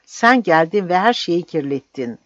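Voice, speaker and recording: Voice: medium pitch, expressive, normal speed, no echo, lightly acted. A brutal, bearded male guerrilla captain roars his contempt in a raised, strained voice, as an audiobook reader puts him on. The recording is dry, with no room sound, and slightly dull. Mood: furious. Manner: roaring, harsh, contemptuous.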